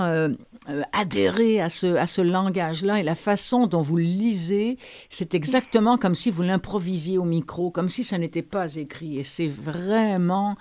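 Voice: medium pitch, darkish tone. Une personne d'origine française qui anime une entrevue radio, avec enthousiasme et de nombreuses relances. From France. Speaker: radio host. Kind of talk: radio interview.

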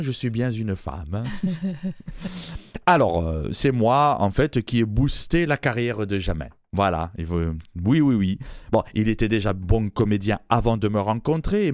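In a radio comedy sketch, a man voices a brash, mannish woman from Toulouse, a former rugby player with a southern French accent, full of bawdy puns, chuckling at his own jokes. His voice is mid-range and a little mellow, and the clean studio sound has no echo.

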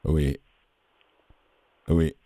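A man's voice: very slow, mellow. A man hosting a radio interview, answering with short affirmations and frequent laughter. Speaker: radio host.

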